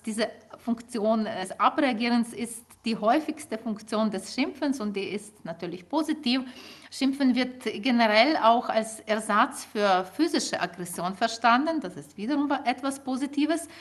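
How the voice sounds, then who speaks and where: Speaking as a linguist guest, this middle-aged native Ukrainian woman responds to an interviewer with calm, explanatory answers full of fillers. Her pitch sits a little high, and her intonation is lively.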